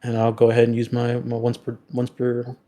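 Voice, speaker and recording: A man playing a tabletop game, chatting casually and haltingly, often circling back on his phrases. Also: mid-range voice, monotone, warm tone.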